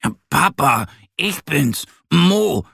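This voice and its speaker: A man voicing an eager little boy bear in a children's story, a bit gravelly. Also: on the high side, sing-song, very slow, sharp tone, dry recording, clean studio sound, pitched above the performer's own voice, heavily acted.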